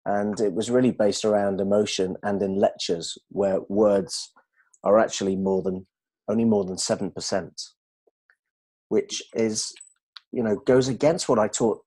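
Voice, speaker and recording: A middle-aged man explaining communication skills in a steady, teaching manner during a discussion. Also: on the low side, slightly rough. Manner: steady, explanatory, demonstrates tones of voice. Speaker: communication trainer.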